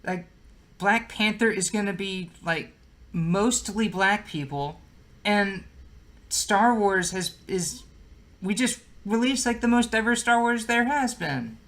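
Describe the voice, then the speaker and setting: A man's voice: sits high, animated, slow pace, a bit bright. A young man co-hosting a podcast, rambling casually with lots of fillers and swearing. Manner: rambling, filler-heavy, profane. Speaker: podcast co-host. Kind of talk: casual chat.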